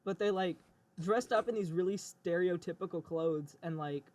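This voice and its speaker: A man on a casual podcast, recalling a story in an easygoing, halting way. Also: high voice, darkish tone. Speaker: podcast co-host. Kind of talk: casual chat.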